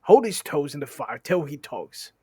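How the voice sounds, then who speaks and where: A man voicing a mean, suspicious male troll who sneers and quarrels loudly. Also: on the high side, sing-song, moderate pace, husky, dry recording, clean studio sound. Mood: menacing.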